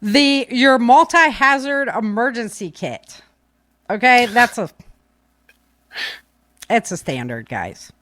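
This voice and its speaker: In a slightly high, fairly bright voice with lively intonation, a woman hosts a podcast slowly, pausing often. She chats to live listeners in a loose, rambling, filler-laden way. The recording is dry, captured via a webcam stream setup with the mic positioned back from the keyboard.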